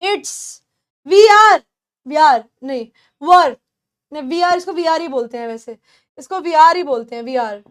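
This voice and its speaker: A woman with an Indian accent, a native Hindi speaker, teaching a beginners' spoken English lesson, explaining and repeating English words slowly for pronunciation. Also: sits high.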